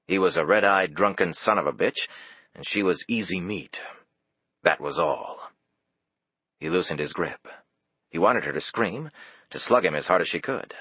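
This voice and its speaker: Low, husky male narrator, measured scripted reading, dry and muffled recording. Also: no echo. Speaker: audiobook narrator. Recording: dull, dry, lo-fi.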